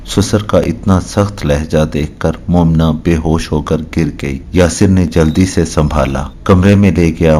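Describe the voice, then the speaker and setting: A man narrating a scripted family drama in a steady, plain storytelling voice. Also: low-pitched, slight background noise.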